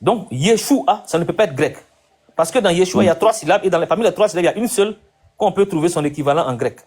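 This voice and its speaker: Fast-talking husky man pressing questions. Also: sits high, darkish tone. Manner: insistent, questioning, repeats points. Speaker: debate host. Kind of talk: live debate conversation.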